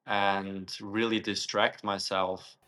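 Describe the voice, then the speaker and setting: A man's voice: on the low side, little pitch movement, slow, pushed and bright. A young man from Switzerland, a guest answering interview questions thoughtfully and searching for his words.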